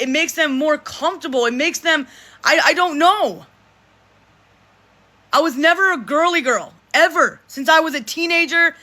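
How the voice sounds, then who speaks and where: A vlogger in their thirties speaks to supporters in a casual monologue to camera, in a forceful, bright-edged voice they call deep. They press their point emphatically, repeating themselves, circling back and restarting phrases.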